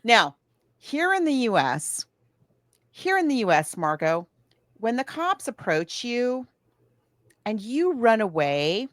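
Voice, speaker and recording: Very animated yet slow, with long pauses, a high-leaning American woman's voice recounts a film on a podcast she co-hosts, chatting casually and acting out quoted lines. The recording is dry and studio quality.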